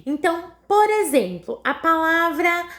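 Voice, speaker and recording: A woman's voice: very high-pitched, very animated, measured pace, fairly bright tone. A woman with a Brazilian Portuguese accent teaching a recorded lesson to young children, patiently sounding out words syllable by syllable and often checking in with the class. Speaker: primary school teacher.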